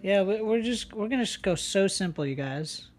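A man co-hosting a songwriting session, talking casually and quickly, muttering lyric ideas aloud. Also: high voice, lively intonation, loud music behind the voice. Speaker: songwriter co-host. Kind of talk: casual chat while songwriting.

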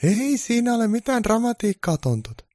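A man voicing an old Mrs. Claus in a high, matter-of-fact voice for a comic story. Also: very animated, mellow, no room sound, clean studio sound. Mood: explaining. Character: calm explaining Mrs. Claus, old woman.

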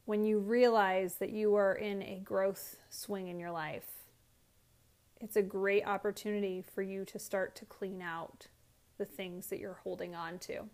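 A woman's voice: medium pitch, fairly even intonation, unhurried, a little mellow. Wry, candid woman hosting a podcast. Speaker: podcast host. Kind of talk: casual solo podcast monologue. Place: home closet.

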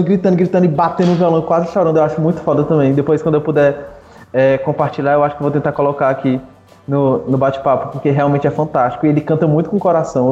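A man with a mellow, slightly high voice chats casually about concerts, full of easy slang. His sound is roomy and a bit dull, like a home call mic, with faint music behind. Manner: relaxed, slangy, enthusiastic. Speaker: podcast co-host. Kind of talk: casual chat. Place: remote video call.

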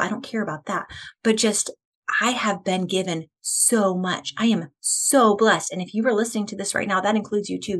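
An American woman in her thirties speaks as a podcast guest, earnest and fervent, her middle-pitched voice rising with feeling. At times she sounds close to tears. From United States. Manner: earnest and passionate, building to emotional fervor. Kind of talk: faith-focused podcast conversation.

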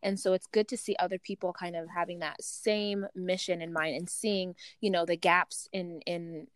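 A woman from Uganda hosting an interview, animated and hesitant with restarts. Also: lowish voice, moderate pace, clean tone, dry recording. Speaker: interviewer, host. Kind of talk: conversational interview.

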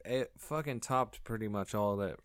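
A young man co-hosts a podcast, chatting casually about movies in a laid-back review with lots of ums and likes. His voice is fairly low and his pace is normal. A crowd can be heard in the background.

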